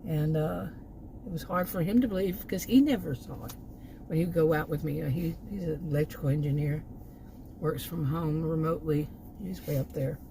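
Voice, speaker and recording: On a rough recording with a little hiss or hum, a low-pitched, mellow American woman speaks at normal speed. She's a Texas food delivery gig worker and vlogger, ranting casually and rambling, exasperated and chuckling between comments.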